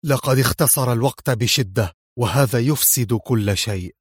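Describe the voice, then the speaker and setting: A man's voice: medium pitch, normal speed, husky, no room sound, clean studio sound, close to an everyday voice. A man reading a storybook voices a ruthless, furious spy-ring boss who barks harsh, contemptuous orders.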